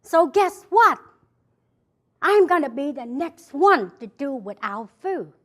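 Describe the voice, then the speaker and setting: Her high voice has a sing-song lilt and an unhurried pace as she gives a forceful motivational talk before an event-hall audience. She is a woman from South Vietnam with a Vietnamese accent, and she keeps repeating her main phrases.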